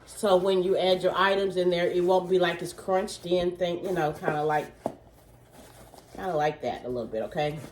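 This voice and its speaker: A woman chatting casually to her viewers while showing gift totes, her voice a little worn and throaty as she clears her throat. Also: lowish voice, moderate pace, darkish tone, reverberant, slight background noise. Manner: chatty, many fillers, says "okay?" to viewers. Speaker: vlogger, small gift business owner. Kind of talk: casual product show-and-tell.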